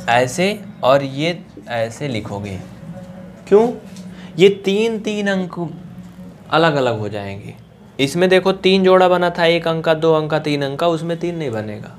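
A man teaching a basic math lesson at a board, often asking the class a question and then answering it himself. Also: fairly high pitch. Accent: Hindi-speaking Uttar Pradesh.

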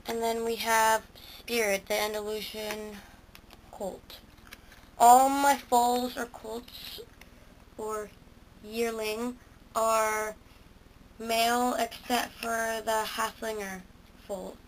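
A teenage girl with a slightly high voice speaks slowly and evenly, pausing often, as she casually presents her homemade model horse stable for her toy barn videos. She hesitates, says um a lot, and corrects herself. The rough indoor recording, made with a handheld camera near the toys, carries slight background noise.

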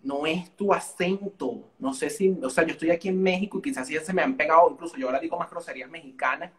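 A young man with a Venezuelan accent, chatting as a guest in an interview with an animated, theatrical way of telling stories. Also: on the high side, quick pace. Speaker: guest YouTuber. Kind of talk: casual interview chat.

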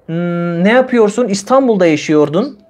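A man in his thirties with a high-pitched, darkish, animated voice hosts a conversational language lesson on a livestream, speaking at normal speed and using simple, repetitive phrasing for learners. He's teaching from a small indoor room, and the stream is clearly noisy, with clicks.

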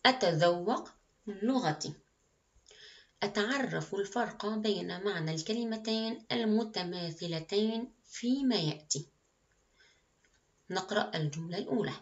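Lady teacher talking to little kids, slow and clear, lots of praise, kinda dull lo-fi sound. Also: medium pitch. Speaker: primary school Arabic teacher. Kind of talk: recorded classroom lesson.

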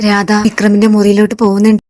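Woman retelling a serial episode, flat voice. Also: medium pitch, fast talker, no room sound. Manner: steady storytelling narration in colloquial speech. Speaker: serial reviewer.

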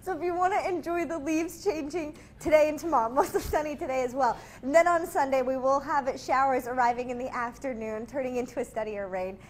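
A woman's voice: high-pitched, a little fast, hardly any pauses, slight background noise. A woman weather presenter stifling giggles as she speaks live in a studio. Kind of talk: live weather forecast and banter. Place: television studio in front of weather graphics.

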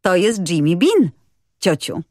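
Kobieta grająca rozgadaną, radosną dziewczynkę. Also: female voice, lowish voice, sing-song, slow, darkish tone, no room sound, clean studio sound, exaggerated voice. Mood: eager. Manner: eager, breathless chatter. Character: cheerful chatty little girl.

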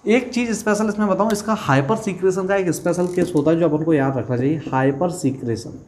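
A man's voice: high voice, fairly quick, a little mellow. Guy teaching a biology class, asks then answers his own questions, repeats key words, bit of faint hiss behind. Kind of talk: exam-prep lecture.

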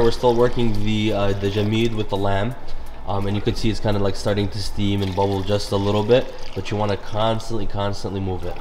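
A young adult cooking vlogger chats his way through a cooking session in a big home kitchen, upbeat and gushing about the food. His voice is on the low side, with slight background noise.

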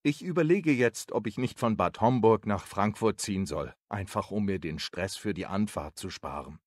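A man's voice: lowish voice, moderate pace, no room sound, studio quality. A man reading a coworker's lines in a scripted dialogue for a language lesson, explaining and apologetic. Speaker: office worker in a dialogue.

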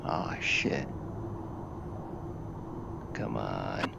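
Gravelly man calling out a dogfight. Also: rumbling low, extremely slow. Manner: tense, swears and laughs under pressure. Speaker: gamer flying a jet in a VR flight sim. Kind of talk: live gameplay commentary. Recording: muffled lo-fi with steady noise.

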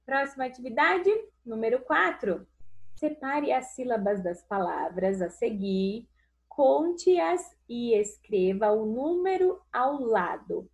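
A Brazilian woman teacher giving a recorded lesson to young children, slow and sing-song, stretching out syllables and calling the pupils "amores". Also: on the high side, animated. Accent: Brazilian Portuguese. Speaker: primary school teacher. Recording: dull lo-fi recording.

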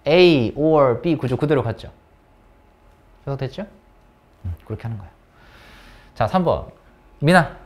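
In a lively, coaxing English grammar lesson held in English at an academy, a man calls his students by name and keeps asking them questions. His mid-range voice keeps a measured pace, and he pauses often.

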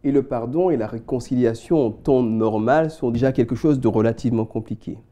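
Man, very dark and mellow voice, Bible teacher, reflective, speaks to listeners. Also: mid-range voice, a little fast. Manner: reflective, addresses listeners directly, some fillers. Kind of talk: Bible study talk with scripture reading.

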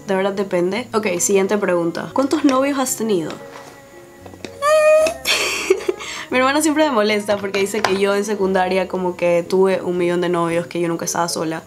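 A woman's voice: mid-range voice, animated, a little slow, music in the background. A young woman in her twenties with a Guayaquil Spanish accent, chatting casually and laughing while she answers viewer questions and does her makeup in front of a camera. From Ecuador. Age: 20s. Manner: chatty, laughs often, filler-heavy. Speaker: beauty YouTuber. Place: small indoor room before a dark backdrop. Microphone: camera on tripod at head-and-shoulders framing.

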